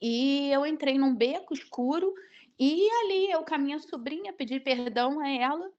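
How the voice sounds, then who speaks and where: A woman's voice: high-pitched, expressive, normal speed, darkish tone, lo-fi sound. A woman telling a dramatic personal testimony, acting out the dialogue as she goes. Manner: vivid retelling that acts out the dialogue. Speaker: guest sharing a testimony. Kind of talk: emotional personal storytelling.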